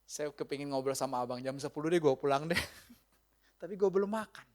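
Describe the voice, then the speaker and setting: A male pastor preaching a sermon, telling a personal story in a lively way, talking to the congregation and acting out the people he quotes. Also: a little high, brisk. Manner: animated storyteller who acts out quoted dialogue in a raised voice; addresses the congregation with asides and questions.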